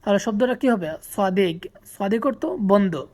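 Woman language teacher, lowish voice, slow deliberate drilling of words, repeats each term twice. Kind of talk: spoken vocabulary lesson.

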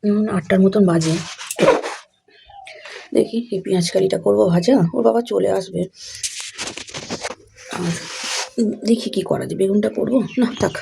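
A hoarse housewife, thinking aloud while she cooks in her home kitchen for a casual vlog. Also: mid-range voice, normal speed, long pauses. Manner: talks to herself while cooking, thinking aloud. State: hoarse, voice gone. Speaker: village housewife vlogger. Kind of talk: casual cooking vlog chat. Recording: noisy home recording.

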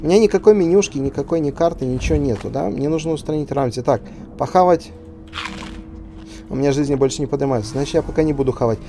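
A man's voice: a little high, fast talker, dark tone. A man giving casual commentary as he plays a video game. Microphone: voice-over over game audio. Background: game music.

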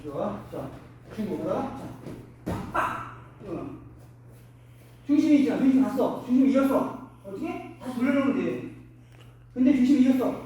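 Middle-aged guy coaching boxing, short barked cues, high lively voice, super echoey gym picked up from far off. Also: muffled recording. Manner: short punchy commands, shouts punch sounds. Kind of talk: hands-on boxing instruction. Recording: echoey gym, mic from afar.

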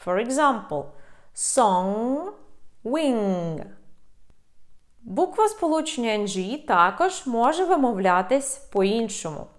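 A woman teaching an English pronunciation lesson, modelling sounds slowly and carefully. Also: on the high side. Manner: slow, careful pronunciation drills. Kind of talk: language lesson.

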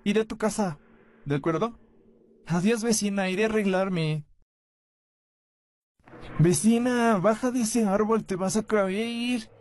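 A performer voicing a soft, slow puppet friend. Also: medium pitch, close to an everyday voice. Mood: gentle. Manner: slow, soothing. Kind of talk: fan dub of puppet show.

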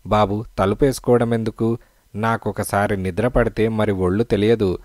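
A man's voice: lowish voice, fairly even intonation, moderate pace, darkish tone, dry recording, studio quality, close to an everyday voice. A man voicing a blind, kindly old father in a storybook, speaking in a sad, resigned way. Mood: weary, gentle. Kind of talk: storybook narration.

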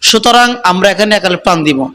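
A man with a Bangladeshi Bengali accent teaching correct Quran recitation, slowly chanting each verse and then explaining it plainly. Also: high-pitched, sharp tone. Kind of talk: religious lesson on recitation.

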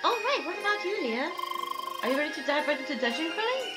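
A woman voicing an excitable young French girl with a put-on French accent, high and gushing. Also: fast. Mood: playful. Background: loud game music.

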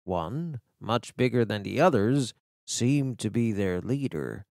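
A man's voice: on the low side, vocal fry, dry recording, clean studio sound. A man reading a children's fantasy story aloud as an audiobook narrator. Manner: slow, animated storytelling. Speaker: audiobook reader.

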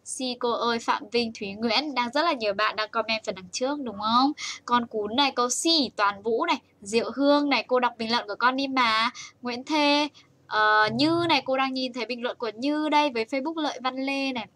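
A young woman with a Vietnamese accent teaches English to small children on a live stream, reading comments and praising them in a bouncy way. Her voice sits a little high and rings bright. She slows way down for English words and rushes through the Vietnamese. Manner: bouncy, praising, switches between slow English and rapid Vietnamese.

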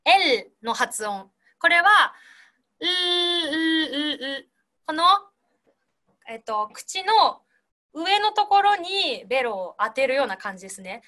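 Bright high-voiced woman teacher. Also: very animated, a little slow. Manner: gentle, explanatory, demonstrates sounds. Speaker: singing teacher. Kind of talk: online voice class instruction. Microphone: video call.

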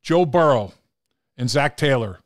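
An older man hosts a casual podcast interview, asking questions and backing his guest up with quick affirmations. His voice is mid-pitched. The recording is dry, with no room sound. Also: lively intonation, no echo. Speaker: podcast host.

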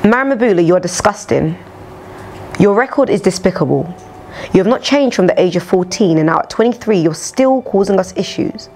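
A woman's voice: medium pitch, lively intonation, brisk, a little mellow, a little hiss or hum, natural voice. A woman voicing a furious older male judge scolding a defendant, her delivery scornful and raised.

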